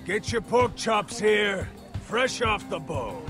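An actor voicing a haggling market butcher in an animated video game. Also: male voice, sits high, takes it slowly, full character voice. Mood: hawking. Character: gruff, haggling male market butcher with a mustache. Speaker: merchant. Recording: game music behind the voice.

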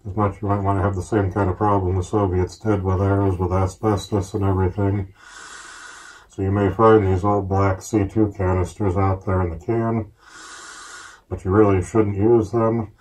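Deep, flat-voiced man talking through a gas mask. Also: moderate pace, slight background noise. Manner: steady, informative, plain-spoken. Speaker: collector reviewing military gear. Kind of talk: casual show-and-tell explanation.

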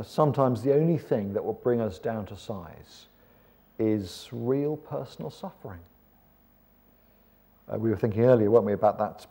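Kindly preacher, mellow husky voice. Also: male voice, mid-range voice. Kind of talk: sermon to a seated congregation. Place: church auditorium with stage.

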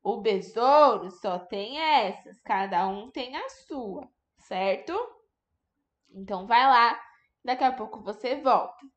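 A woman teacher with a high voice speaks slowly to small children, stretching out each syllable for them to hear. She is patient and encouraging throughout. The sound is dull and lo-fi, like a home video recording. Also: expressive. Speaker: primary school teacher. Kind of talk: recorded remote lesson for young children.

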